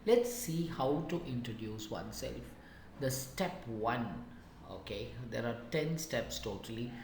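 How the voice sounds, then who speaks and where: A man teaching a spoken lesson, explaining slowly and deliberately with many examples. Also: mid-range voice, lively intonation, a little mellow. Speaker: English teacher. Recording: echoey room with background noise.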